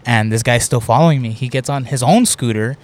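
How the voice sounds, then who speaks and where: A man's voice: medium pitch, fairly quick. A young man hosting a podcast, casually telling a long story, swearing a lot and filling his talk with "like". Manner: rambling, swears often, many "like" fillers. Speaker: podcast host.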